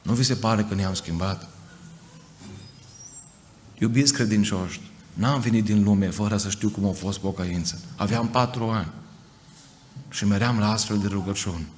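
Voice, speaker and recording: A man's voice: fairly low pitch, pauses often. A man from Romania preaching an emphatic Pentecostal sermon to a congregation, acting out quoted voices. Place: church. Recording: church hall reverb, faint noise.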